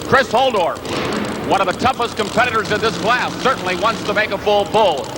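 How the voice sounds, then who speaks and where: A man announcing a tractor pull, calling runs with excited, emphatic build-up and interviewing drivers. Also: sits high, brisk. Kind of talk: live motorsport commentary and interviews. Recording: engine and outdoor arena noise.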